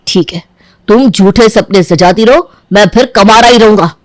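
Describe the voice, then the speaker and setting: A woman's voice: mid-range voice, moderate pace, dry recording, lightly acted. A woman voicing a sullen young man. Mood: bitter. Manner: sullen and bitter. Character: young man, resentful, worn-down son.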